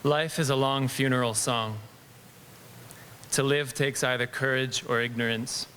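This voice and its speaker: A man from Southern Alberta reading his own reflective poem at a live open mic, measured, then wry after. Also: medium pitch, steady tone, bright, forceful tone, a little hiss or hum. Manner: measured, wry between poems. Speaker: poet. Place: small acoustic lounge with live audience.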